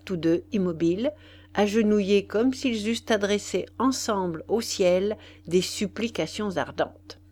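A woman reading a classic novel aloud as a calm, measured audiobook narrator. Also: lowish voice.

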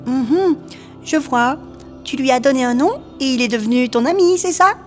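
A woman voicing a calm, kindly schoolteacher in a storybook, speaking gently and reassuringly. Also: high-pitched, moderate pace, in a large hall, faint music behind, lightly acted.

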